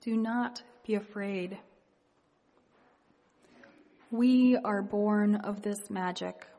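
A woman leading a guided meditation and reading reflective poetry in a hushed, gentle, unhurried manner with long pauses. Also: mid-range voice. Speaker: meditation leader. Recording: long reverberant hall echo.

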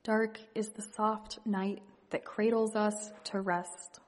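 Slow, hushed woman in a reverberant hall. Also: mid-range voice, flat delivery. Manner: hushed, gentle, unhurried with long pauses. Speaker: meditation leader. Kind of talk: guided meditation and reflective poetry reading. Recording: long reverberant hall echo.

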